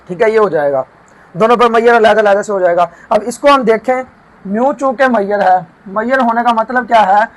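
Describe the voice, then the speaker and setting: A man teaching math, walking through a proof and slowing down to dictate each formula term by term. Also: high-pitched, poor audio. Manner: often checks in with "theek hai". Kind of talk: lecture explaining a proof.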